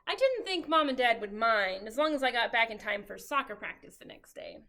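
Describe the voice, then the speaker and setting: A woman leading a children's storytime, reading a picture book aloud in a cheerful, animated way. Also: on the high side, a little fast. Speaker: children's librarian.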